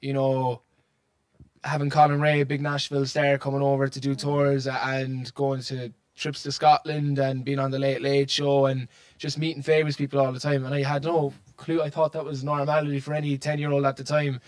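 A man's voice: mid-range voice, little pitch movement, normal speed, a little mellow. A young man from Ireland with a Cork accent, a singer chatting casually in an interview, laughing often and trailing off with fillers. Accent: Cork Irish. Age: young adult. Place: recording studio lounge, indoors. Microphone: handheld microphone.

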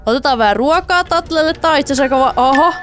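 A woman doing let's play commentary, excitable, talking to the game characters and slipping in English phrases. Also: high voice, soft background music. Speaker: gaming YouTuber.

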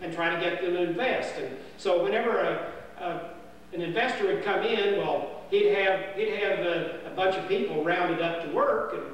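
A man's voice: high voice, normal speed. An older man, a camp storyteller, telling a folksy history tale in a rambling, homespun way with many fillers and restarts, recorded indoors in a dining hall on a far camera. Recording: roomy hall echo from far off, faint hum.

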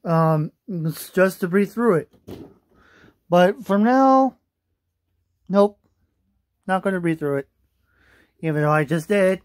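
A young man giving a casual, halting explainer to camera, often repeating himself, on a phone held at arm's length indoors. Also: high voice, lively intonation. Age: young adult. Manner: halting, repetitive. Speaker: vlogger. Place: small room indoors.

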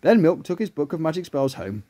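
A man reading a children's story aloud in a lively, animated way. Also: a little high, brisk.

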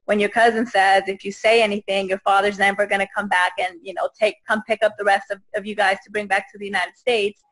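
A woman in her thirties from Guatemala, a guest telling her own story on a video call, earnest and halting with many fillers and restarts. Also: mid-range voice, flat delivery, a bit bright, rough recording. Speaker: interview guest. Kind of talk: personal testimony in a video call. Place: indoors, small room. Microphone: video call webcam.

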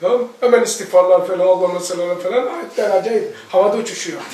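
A man's voice: high-pitched, quick pace. A middle-aged man, a religious teacher, giving a sermon and telling stories that he acts out in dialogue. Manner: animated storytelling, acts out dialogue. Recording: echoey room, voice from far off.

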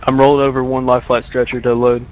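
A man's voice: medium pitch, little pitch movement, fast talker, a little mellow. A man role-playing a paramedic, talking in clipped, procedural radio calls. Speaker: player acting as paramedic ground unit. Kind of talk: emergency services role-play radio talk. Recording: dull lo-fi voice chat.

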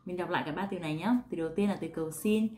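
A woman with a Vietnamese accent gives a relaxed pronunciation lesson in a somewhat low voice. She repeats each sound slowly and clearly. She turns often to the viewer with questions. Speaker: English pronunciation teacher.

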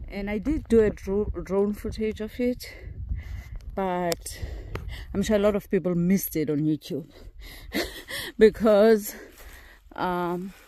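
A woman's voice: medium pitch, warm tone, poor audio. A middle-aged South African woman chatting casually while she walks her farmland, filming herself with a phone held at arm's length. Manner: chatty, rambling asides, laughs easily. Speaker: vlogger. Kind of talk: casual walking vlog. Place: outdoors on dry rural farmland, windy. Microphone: handheld phone at arm's length. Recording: outdoor wind and ambient noise.

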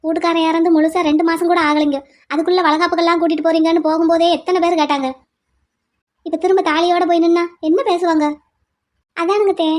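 A woman voicing a fretful mother, very high. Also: flat delivery, fast. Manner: fretful, pleading. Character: worried middle-aged mother, fretting about gossip. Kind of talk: cartoon drama dubbing.

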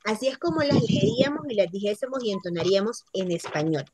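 A woman teaching a French class online, speaking slowly and repeating each word to model its pronunciation. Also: mid-range voice, big pitch swings, darkish tone, a little hiss or hum.

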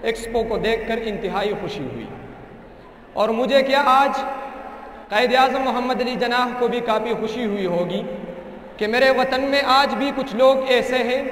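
A young man from Pakistan giving an impassioned speech at an expo, reciting verse in a rhythmic oratorical style into a handheld mic. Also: extremely high pitch. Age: young adult. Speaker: student speaker. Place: large indoor expo hall. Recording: echoey hall, faint background noise.

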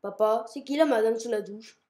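A man's voice: extremely high pitch, fairly quick, darkish tone, reverberant, pitched above the performer's own voice. A man voicing a small child who keeps pestering daddy with the same question, insistent and repetitive.

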